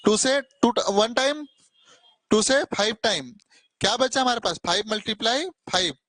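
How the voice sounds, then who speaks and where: A man's voice: high voice, lively intonation, moderate pace, fairly bright tone, dry recording. A man teaching maths to children in a classroom, coaxing and mildly scolding them as he works through problems. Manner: coaxing, mildly scolding, calls students "beta". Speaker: maths tutor.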